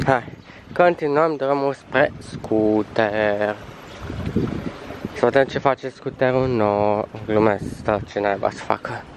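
Twenties male vlogger, chatty and sarcastic, self-filmed at arm's length outdoors with steady street noise. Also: mid-range voice. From Romania. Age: 20s. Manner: chatty, joking, sarcastic asides. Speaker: travel vlogger. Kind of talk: casual vlog narration. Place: outdoors in a city street and residential complex. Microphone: camera held at arm's length.

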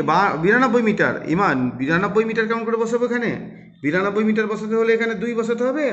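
A man teaching children arithmetic, explaining patiently step by step and asking and answering his own questions. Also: sits high. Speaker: math teacher. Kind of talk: classroom math explanation for children. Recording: roomy, dull lo-fi recording.

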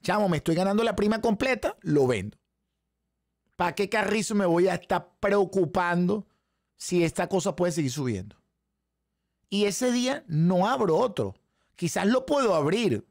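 A man with a Venezuelan Spanish accent, hoarse, teaching a live trading lesson and firing rhetorical questions at his viewers. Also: high voice, moderate pace, no room sound, studio quality. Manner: animated, talks straight to the chat audience with frequent rhetorical questions. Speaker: trading instructor.

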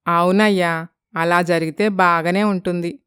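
A woman's voice: lowish voice, steady tone, measured pace, a bit bright, clean tone, dry recording, studio quality. A woman voicing an anxious poor village mother who talks in a fretful, chatty way.

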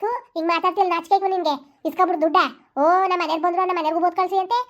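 A shrill village moneylender scolds and threatens in a rapid torrent, played by a woman. The voice is very high and flat. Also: dull audio. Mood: scolding.

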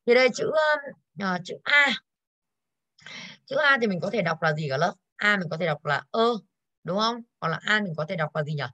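A woman's voice: fairly low pitch, animated, moderate pace, sharp tone, dry recording. A woman English teacher going over exercises in an online class, tired and coughing now and then, who keeps putting questions to her students.

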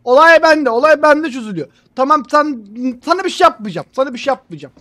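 A young man streaming gameplay, swinging between loud, profane outbursts and low mutters, and talking to his chat. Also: expressive, quick pace. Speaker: gaming streamer. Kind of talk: live gameplay commentary.

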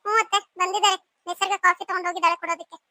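A cheerful, clever young daughter-in-law from a cartoon , as a woman puts her on. Her voice is very high and bright, and she chats quickly. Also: flat delivery, dry recording, clean studio sound, full character voice. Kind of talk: cartoon voice acting.

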